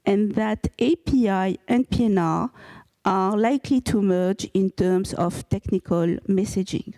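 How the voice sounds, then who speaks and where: A woman with a French accent moderates a conference panel, English being a second language to her native French. Her voice is mellow and warm, and she hesitates often, filling gaps with "uh". She keeps a measured, middle pitch. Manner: hesitant, many fillers, self-deprecating humour.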